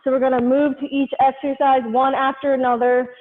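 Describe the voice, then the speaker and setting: A woman's voice: high-pitched, level tone, a little fast. A woman leading a live workout class over a headphone mic, cueing each movement step by step in a directive way. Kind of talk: live group exercise instruction. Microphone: headphone microphone. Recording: muffled lo-fi headset sound, long reverb.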